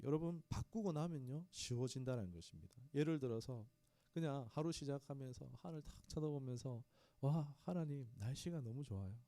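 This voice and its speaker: Animated Korean man preaching in a small church. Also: mid-range voice, dry recording. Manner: conversational preaching, talks straight to the congregation. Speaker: pastor. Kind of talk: sermon.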